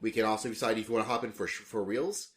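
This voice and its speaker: A man's voice: lowish voice, steady tone, very fast. Chatty male podcast co-host. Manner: chatty, loose, with filler restarts. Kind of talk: casual chat.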